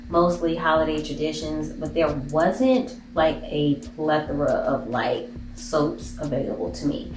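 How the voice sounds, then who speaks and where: Stuffy-nosed woman chatting through a haul. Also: sits low. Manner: chatty, rambling, lots of "like". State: stuffy, congested nose. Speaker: beauty and shopping vlogger. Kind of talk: casual haul chat. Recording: echoey room with faint background noise.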